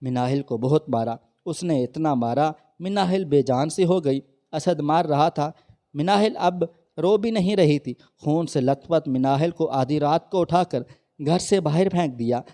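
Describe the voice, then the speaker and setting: A man's voice: on the high side, measured pace, warm tone. A man narrating a sad moral story with emotive, mournful delivery.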